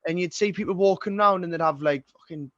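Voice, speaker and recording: A man's voice: sits high, quick pace, a bit bright, no echo, lo-fi sound. A man in his twenties with a Geordie accent, a singer-songwriter talking as a podcast guest in a casual, rambling way, full of swearing and restarts. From Northeast England. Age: 20s.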